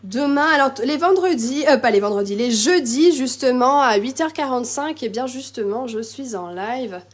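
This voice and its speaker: A woman's voice: sits high, animated, moderate pace. A woman hosting a live crafting tutorial, chatty and bubbly, answering viewer comments as she works. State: slightly losing her voice, coughing. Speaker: crafting demonstrator and live-stream host.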